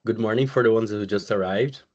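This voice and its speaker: A man from Brazil, a community manager, hosting an online webinar in a relaxed, conversational way over a video call. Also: lowish voice. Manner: relaxed, conversational, pauses often with "uh" and "um". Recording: slightly muffled video call audio.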